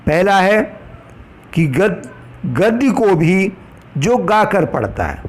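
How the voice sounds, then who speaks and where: A man giving a measured lecture on pronunciation to trainee teachers, explaining each point slowly and reciting Sanskrit verses. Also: sits high, sing-song.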